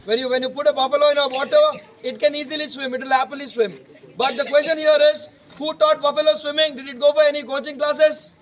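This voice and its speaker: A young man with an Indian English accent, switching into Telugu as he teaches a self-defense class to students, calling out loud commands. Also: very high voice, level tone, fast. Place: outdoors at a school, large group of students. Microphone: no microphone, camera at a distance. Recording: dull lo-fi sound, crowd noise.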